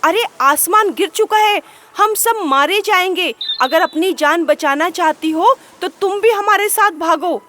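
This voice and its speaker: Woman putting on a panicky little rabbit, shrill and high, frantic shouting, storybook voice. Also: measured pace, a little hiss or hum, full character voice. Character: panicky male rabbit, jumpy and alarmist. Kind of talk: storybook character voice.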